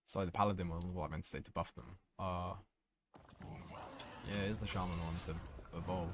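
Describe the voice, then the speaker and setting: A man with a fairly low voice gives casual gameplay commentary, thinking through each choice aloud. He is wry and swears freely. Faint game noise sits behind him. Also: steady tone, brisk. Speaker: gaming content creator playing a card game.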